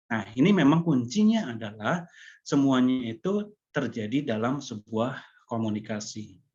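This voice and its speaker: A man explains things calmly in an online webinar, pausing on fillers as he works out his advice. His voice sits in an ordinary middle range. The call audio is muffled and lo-fi. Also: mid-range voice. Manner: calm, explaining with many fillers. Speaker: webinar speaker.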